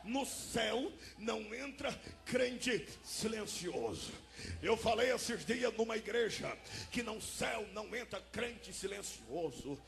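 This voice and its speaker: Fiery Brazilian pastor, shouting. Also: male voice, high voice, sing-song, slow, gravelly. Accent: Brazilian Portuguese. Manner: shouting, sing-song preaching. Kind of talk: fiery Pentecostal sermon.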